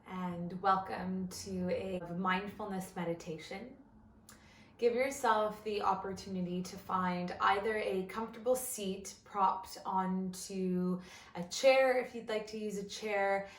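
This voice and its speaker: A woman instructor guides a body scan meditation in a gentle, measured voice, leaving long pauses between phrases. Her pitch is medium, and the sound is reverberant.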